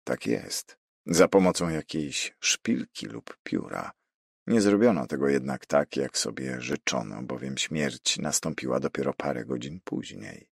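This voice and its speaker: Brief: male narrator as an assured, soft-spoken gentleman sleuth, husky and lively in tone. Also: a bass voice, unhurried, dry recording, clean studio sound, full character voice. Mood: calm. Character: calm, shrewd gentleman detective, man. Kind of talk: audiobook character reading.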